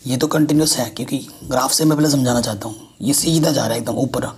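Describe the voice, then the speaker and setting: A man's voice: medium pitch, fast talker. A man teaching a math lesson, explaining step by step and checking in with students often.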